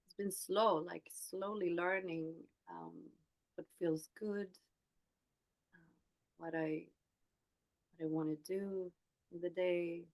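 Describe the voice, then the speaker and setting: A woman in her forties from Sweden, a Swedish speaker talking in English, shares her story softly and haltingly. Her voice sits low and level, with a gravelly edge. She takes her time, pausing and restarting often. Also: fairly even intonation, low-quality recording. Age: 40s. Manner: soft, hesitant, with many pauses and restarts. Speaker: guest. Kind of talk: reflective personal story.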